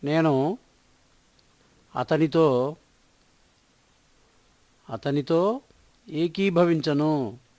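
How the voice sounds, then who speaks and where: A woman's voice: sits low, very slow, long pauses, mellow, no echo. A woman teacher giving a spoken English lesson, repeating each phrase and spelling words out letter by letter.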